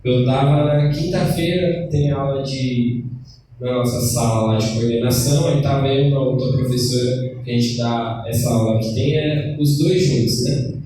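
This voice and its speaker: A man's voice: medium pitch, fairly even intonation, normal speed, dark tone, slight background noise. A man with a Brazilian Portuguese accent, a preacher and schoolteacher, preaching a sermon and telling a story from his classroom to the congregation. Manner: storytelling with acted quotes, addresses the congregation. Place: church hall. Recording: echoey church from far off, faint ambience.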